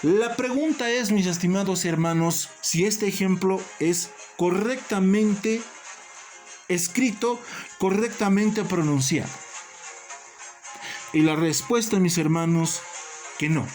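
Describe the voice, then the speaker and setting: A recorded language lesson has faint music in the background as the teacher, in a mid-range, slightly mellow voice, speaks deliberately. Listeners are addressed as brothers and colleagues, and key terms are repeated.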